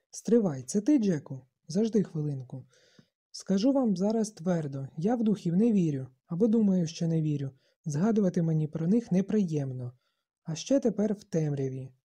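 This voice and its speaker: An audiobook narrator voicing an earnest, insistent boy leading a group, in a dark husky voice. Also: mid-range voice.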